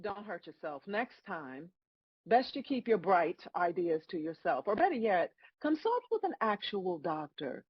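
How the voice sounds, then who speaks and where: In a comedic script read, a woman plays God as a dry, businesslike, scolding celestial judge, stern and full of sarcasm. Her husky, raspy voice swings widely and sing-song in pitch at a measured pace, heavily acted. The recording is close and dry but somewhat dull.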